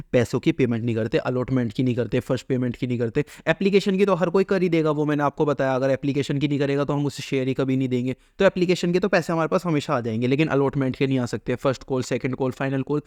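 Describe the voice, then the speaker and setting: A man's voice: medium pitch, darkish tone, dry recording, studio quality. A man teaching accounting, who keeps asking questions and answering them himself and acts out what a company says. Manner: asks and answers his own questions, acts out the company's lines. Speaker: commerce teacher. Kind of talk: explaining an accounting lesson.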